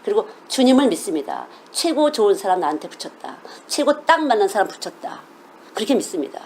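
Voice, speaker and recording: A woman's voice: medium pitch, darkish tone, slight background noise. A middle-aged woman preaching a sermon as a children's missionary, earnest and emphatic, often asking her listeners questions.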